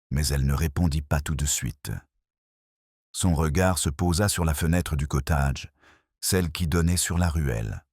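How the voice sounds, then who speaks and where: Deep husky guy reading a murder mystery, slow and even, dry close sound. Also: no echo. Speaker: narrator. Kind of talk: scripted narration of a mystery story.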